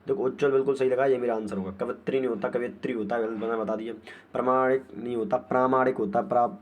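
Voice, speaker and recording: A man's voice: mid-range voice, fairly even intonation, rapid-fire, darkish tone. A man teaching an exam-prep spelling lesson, repeating each word and answer over and over. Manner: repetitive, drills each word aloud.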